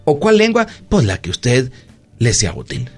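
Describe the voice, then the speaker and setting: A man's voice: mid-range voice, measured pace, breathy edge, faint music behind. A man with a Mexican accent, a doctor hosting a casual radio chat, telling stories with lots of fillers. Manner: storytelling, animated, lots of fillers.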